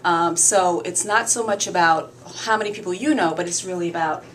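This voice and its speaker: Earnest woman from Barbados, low voice. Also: slight background noise, low-quality recording. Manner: earnest, measured, with frequent "uh" fillers. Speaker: guest author. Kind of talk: radio interview.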